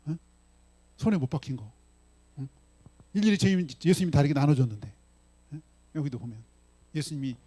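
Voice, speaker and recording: Lively high-voiced male pastor preaching. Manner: conversational preaching, often asks the congregation "응?"; voices his own lines for Jesus in dialogue. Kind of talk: sermon.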